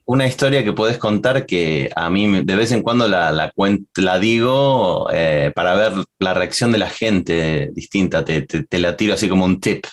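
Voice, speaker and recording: Low-voiced Argentine man, playful. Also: lively intonation, moderate pace, hardly any pauses. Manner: playful, giving joking advice. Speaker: podcast co-host. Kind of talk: casual bilingual chat.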